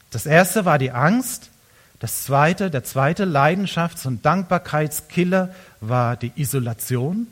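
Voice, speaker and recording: A man preaching a sermon as pastor, swinging between loud emphatic lines and hushed quiet ones. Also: medium pitch.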